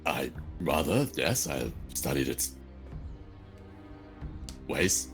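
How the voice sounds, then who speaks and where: A man playing an earnest, courteous dragonborn, speaking in measured, hesitant, formal phrases in a tabletop game. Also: extremely low pitch, very animated, creaky, faint music behind, pitched below the performer's own voice, full character voice. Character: earnest, courteous male dragonborn raised by goblins.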